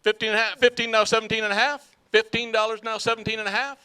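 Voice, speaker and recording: High, bright auctioneer chanting bids, older man. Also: flat delivery, rapid-fire, smooth. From North Dakota. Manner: auctioneer's rhythmic, repetitive bid-calling chant. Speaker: student auctioneer. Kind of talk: live auction bid calling. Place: live auction event before an audience.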